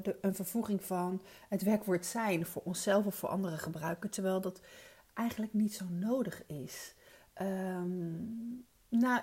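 Breathy woman coaching, hesitant and thoughtful. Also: medium pitch, dark tone. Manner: thoughtful, many fillers and restarts. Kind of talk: casual spoken coaching talk.

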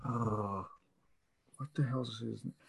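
A man's voice: mid-range voice, fairly even intonation, measured pace, creaky, slightly rough. A man co-hosting a casual podcast over an online call, talking in an offhand, rambling way with many fillers, his voice warbling through a glitchy connection with auto-tune-like artifacts. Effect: glitchy bad call connection with warbling, auto-tune-like artifacts. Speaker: podcast co-host.

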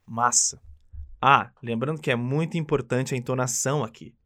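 A man's voice: mid-range voice, normal speed, fairly bright tone. A man with a Brazilian accent, leading an upbeat English lesson and coaching the listener through repeated phrases. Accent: Brazilian Portuguese. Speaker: English teacher. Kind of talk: friendly language lesson.

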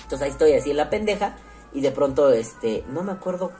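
A man's voice: on the high side, lively intonation, fairly quick, warm tone, faint music behind. Slangy Mexico City man, swearing freely. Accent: Mexico City Spanish. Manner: slangy, swears freely, acts out quoted voices. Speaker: online show host reading comments. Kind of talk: casual profane monologue.

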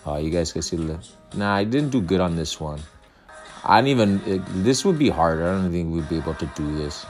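A man casually rambling through a reaction video, with frequent restarts and sudden loud bursts. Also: sits low, animated, fairly quick. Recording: music playing loudly under the voice.

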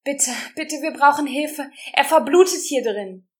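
A woman's voice: sits high, expressive, normal speed, pitched above the performer's own voice. A woman reading a storybook who voices a desperate young woman begging for help in a frantic, pleading voice.

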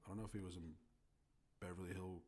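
A young man in casual chat, animated and laughing, swearing freely. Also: sits low, quick pace, a little hiss or hum.

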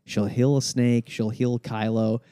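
A man in casual podcast chat, talking frankly and in a relaxed way, sometimes in quick bursts. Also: medium pitch, clear, resonant tone, no room sound, clean studio sound.

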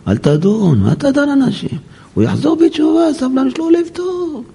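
A man's voice: very high-pitched, wildly swooping pitch, gravelly, dark tone, pitched above the performer's own voice, exaggerated voice. A man acting out a devout young woman who insists her husband has a good heart. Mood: insistent. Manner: pleading, insistent.

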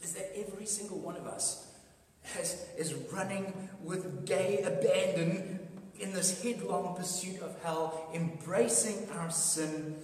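A preacher delivering a sermon with emphasis, moving between raised declarations and hushed, low lines. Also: slow. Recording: echoey hall, voice from far off.

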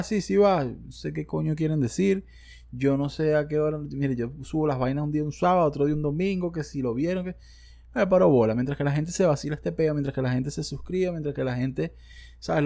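A podcast host with a Venezuelan Spanish accent rambles through a casual solo show into a studio mic, full of slang and jokes at his own expense. His voice is slightly high, creaky, and dark in tone.

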